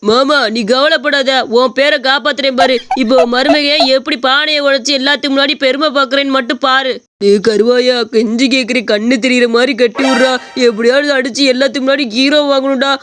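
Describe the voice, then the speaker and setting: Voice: high voice, level tone, fairly quick, hardly any pauses, fairly bright tone, clean tone. A voice actor playing a hefty, clumsy young village man who complains and boasts in a cartoon story. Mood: boastful. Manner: complaining, pleading.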